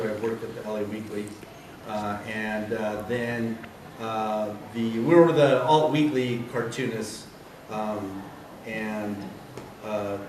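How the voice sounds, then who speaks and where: A man's voice: medium pitch, slight background noise. A middle-aged man from San Diego, an editorial cartoonist, telling digressive anecdotes at a convention and chuckling at his own stories. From San Diego, California. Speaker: editorial cartoonist giving a talk. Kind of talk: rambling anecdotal talk. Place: convention hall. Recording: roomy hall, distant mic, faint ambience.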